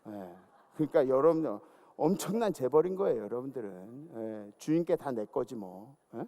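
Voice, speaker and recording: A man's voice: mid-range voice, lively intonation, normal speed, mellow. A male pastor preaching a sermon, exhorting and calling out to his congregation. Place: large church sanctuary. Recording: long church hall reverb.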